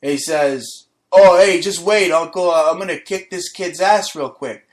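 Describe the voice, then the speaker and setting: At a moderate pace and fairly high pitch, a man hosting a talk show delivers a profane comedic rant, aggressive and full of swearing, then spins a boastful story about his school days.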